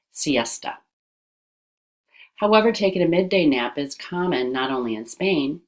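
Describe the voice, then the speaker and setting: A low-voiced woman reads an informational passage aloud from a script, sounding like an educational narrator. She pronounces every word with care and deliberation.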